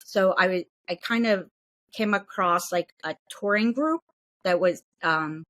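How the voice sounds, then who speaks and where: On a podcast, a woman guest casually tells the story of a trip, rambling along with many fillers and restarts. Her voice is fairly low and fairly bright in tone, and she speaks a little slowly.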